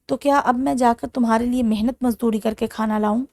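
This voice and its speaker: A woman's voice: fairly high pitch, fairly even intonation, a little mellow, no room sound, lightly acted. A woman voicing a hot-tempered, mocking young man in a romance audiobook. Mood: harsh. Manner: harsh, mocking.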